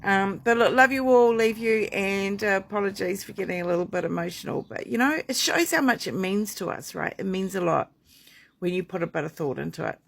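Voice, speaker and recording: A woman's voice: medium pitch, fairly quick, gravelly. Chatty, rambling middle-aged woman midwife. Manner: chatty, rambling, with frequent fillers and restarts. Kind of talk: heartfelt casual talk to camera.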